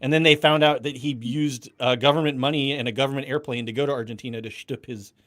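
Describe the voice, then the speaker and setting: A man from South Carolina with a Southern US accent, hosting a casual chat on a video call and telling stories in an animated way. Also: mid-range voice, quick pace. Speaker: podcast host.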